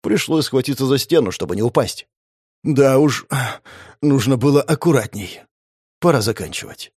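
A man's voice: mid-range voice, expressive, normal speed, a little mellow, breathy edge, dry recording, studio quality. A man giving dramatic, intense narration of a combat fantasy audiobook. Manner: intense, gritty storytelling.

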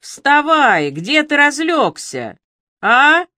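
A woman reading the part of a determined young waitress who shouts sharp commands. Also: sits high, sing-song, extremely slow, no echo, clean studio sound, voice pushed up, heavily acted. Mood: furious. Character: fierce, determined young female waitress Alya.

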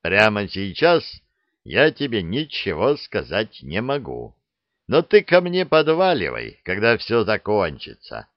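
A man's voice: fairly low pitch, huge pitch swings, unhurried, no room sound. A man doing a swaggering, flirty soldier. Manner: swaggering, slangy. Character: cocky, flirty male soldier. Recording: dull dry recording.

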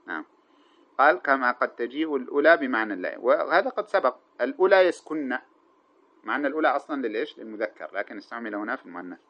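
A man teaching grammar. He quizzes his class with a drawn-out "what?", answers himself, and chants the quoted verses slowly. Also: medium pitch, big pitch swings. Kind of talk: classroom explanation of a grammar text. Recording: dull lo-fi recording.

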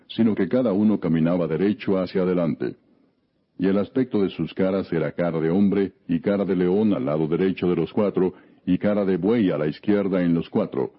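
A man with a deep, somewhat raspy voice narrates scripture. His reading is scripted, measured and solemn throughout. The recording sounds dull and lo-fi. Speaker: Bible narrator. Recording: dull, lo-fi audio.

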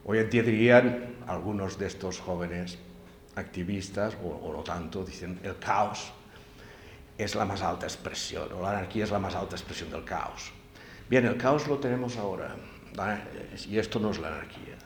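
This is a public talk at a library event by a man with a low voice, speaking at normal speed. He is emphatic and frequently uses tag questions. The audio sounds very echoey, with faint background noise.

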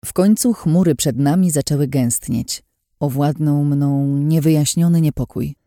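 In a calm, measured reading, a low-voiced woman narrates a first-person fantasy audiobook into a close studio mic. The recording is dry.

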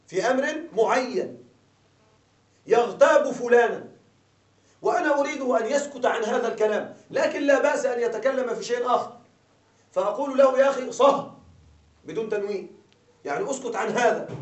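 Guy with a really high voice lecturing a class, keeps asking if everyone's with him, roomy far-off dull recording. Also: brisk, long pauses. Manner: keeps checking with listeners, repeating questions. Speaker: grammar teacher. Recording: echoey dull room sound from afar.

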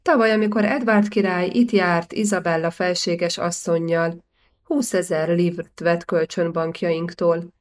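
A woman reading the lines of a shrewd, calculating older male banker in an audiobook, smooth and persuasive. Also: on the low side, steady tone, natural voice.

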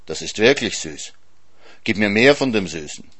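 A man's voice: on the low side, lively intonation, moderate pace, a bit bright. A man putting on a greedy, moaning hyena. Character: greedy whiny hyena, insatiable scavenger.

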